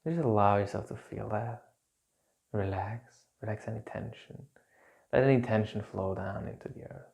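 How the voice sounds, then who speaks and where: Low, mellow man leading a calm grounding exercise. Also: vocal fry. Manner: soothing, repetitive, gentle instructions with pauses. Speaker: instructor leading a guided relaxation exercise.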